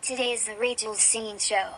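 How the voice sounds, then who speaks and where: Upbeat kid leader, voiced by a woman, bright and slightly high. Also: fairly even intonation, fairly quick. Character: cheerful kid singer leading friends.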